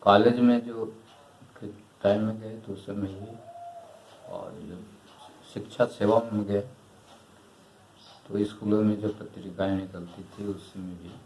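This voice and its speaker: An older man speaks slowly and thoughtfully, his voice sitting low. He answers an interviewer at length. The recording carries a roomy echo with faint background noise. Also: flat delivery, a little mellow. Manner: slow, measured, reflective. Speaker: retired writer and historian.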